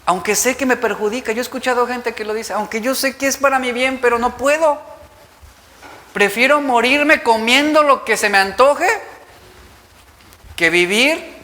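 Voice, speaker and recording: A man preaching a sermon as pastor, animated, acting out people's excuses in quoted voices. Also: extremely high pitch, unhurried, pauses often. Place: church sanctuary. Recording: church hall with long reverb.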